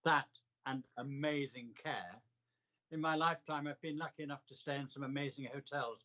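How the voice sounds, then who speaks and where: An older man telling reflective personal stories in an interview, with a measured, emphatic delivery in short, deliberate phrases. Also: mid-range voice, fairly even intonation, sharp tone, highs cut off. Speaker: interviewee recounting a hospital stay.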